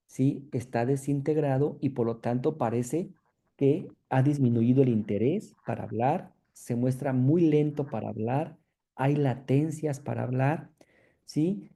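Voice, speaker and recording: A lecturer talks students through a university lesson, breaking ideas into short phrases. The voice sounds deeply mellow and dark, sitting at an ordinary pitch. Almost every point ends with a quick question to check the class is following.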